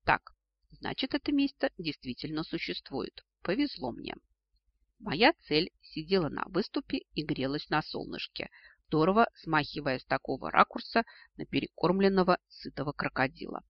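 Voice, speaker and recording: Expressive male audiobook narrator. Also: a little high, husky, dry recording. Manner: expressive, ironic storytelling. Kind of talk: scripted narration. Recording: dull lo-fi dry recording.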